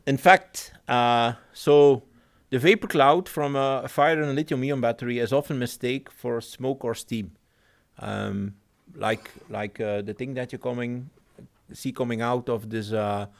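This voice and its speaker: A man with an other than giving a technical presentation at a conference. He pauses, repeats words and phrases things in his own way. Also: mid-range voice, creaky. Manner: halting, repeats words, non-native phrasing. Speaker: conference speaker.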